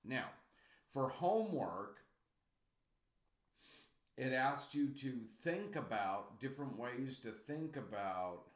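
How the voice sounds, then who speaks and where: Lecturing into a desk webcam from a small room at home, a man in his sixties who teaches college writing speaks in an expressive, mid-range voice. His pace is slow, his points repeated with encouragement, and frequent throat clearing breaks in, while the echoey room carries faint noise.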